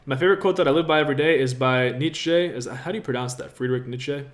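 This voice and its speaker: A man's voice: medium pitch, fast talker. A man in his twenties from Latvia, hosting a casual livestream Q&A in an upbeat, motivational way and talking straight to his viewers. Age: 20s. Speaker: livestream host answering viewer questions. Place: apartment room with a city view.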